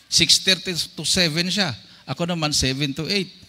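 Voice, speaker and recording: A man preaching at a church service, his voice a little high and sharp-edged. He tells a story and plays out the dialogue, dropping in English phrases. A long reverb from the church hall trails behind him. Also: normal speed. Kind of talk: Tagalog sermon with testimony.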